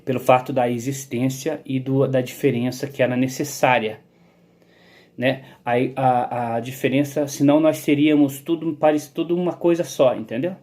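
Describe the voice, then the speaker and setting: A man's voice: mid-range voice, steady tone, normal speed, a little mellow. Rambling man explaining his own theory. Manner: digressive, repeats words, asks "entendeu?" often. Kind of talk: rambling philosophical monologue.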